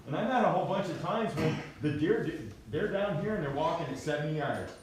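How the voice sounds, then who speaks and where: A middle-aged man giving a live seminar talk, telling hunting stories in a relaxed, folksy way and acting out his shouts and calls. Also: on the high side, quick pace, recorded from a distance, slight background noise. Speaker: seminar presenter, deer hunter. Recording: echoey hall, mic from afar.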